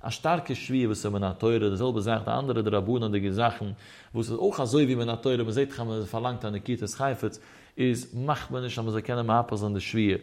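A man's voice: mid-range voice, steady tone, a little fast, darkish tone. A man giving a traditional Talmud lecture, reading the text aloud and explaining it in a sing-song study cadence with emphatic rises and drops. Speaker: Talmud teacher.

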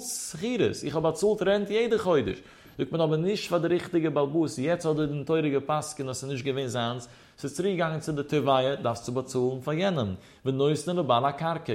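A man giving a Talmud lesson, reading the text in a rising and falling sing-song chant and explaining it in between. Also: fairly high pitch. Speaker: religious teacher. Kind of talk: Talmud lecture.

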